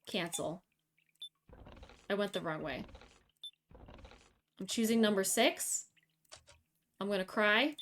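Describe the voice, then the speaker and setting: A woman's voice: medium pitch, animated, slow pace, long pauses, a bit bright, a little hiss or hum. A woman streaming a game, dithering anxiously over a choice and talking to herself. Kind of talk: game let's play commentary.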